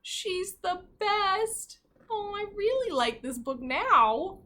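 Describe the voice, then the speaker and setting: Reading a children's book to her pupils, a woman teacher speaks with an extremely high pitch, big swings in intonation, a slow pace and a sharp tone. She reads expressively and breaks off for chatty asides and direct questions to the children.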